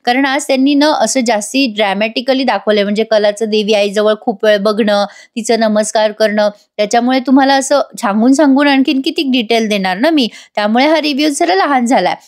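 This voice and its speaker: A woman's voice: a little high, fairly quick, few pauses. Chatty woman recapping a TV episode. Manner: chatty, addresses viewers directly. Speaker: TV serial reviewer. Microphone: voice-over.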